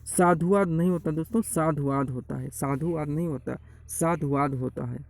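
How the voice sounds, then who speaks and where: A man's voice: fairly high pitch, moderate pace, vocal fry, poor audio. A man teaching Hindi spelling for exam prep. He goes through word after word and calls his viewers "friends" again and again. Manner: repeats corrections, addresses viewers as friends. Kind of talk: online exam-prep lecture.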